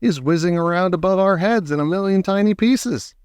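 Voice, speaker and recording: A man's voice: sits high, a little fast, smooth, no echo, clean studio sound, pitched above the performer's own voice, natural voice. A man voicing a blunt, exasperated father in a children's storybook, speaking sharply. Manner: sharp, shouting.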